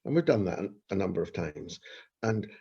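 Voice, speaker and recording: A man speaks in a low, gravelly voice, earnestly telling stories from his street work. His tone is husky, and he often repeats a phrase for emphasis. The recording sounds dull and lo-fi. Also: lively intonation, fairly quick, warm tone. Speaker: street pastor. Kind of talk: storytelling in an interview.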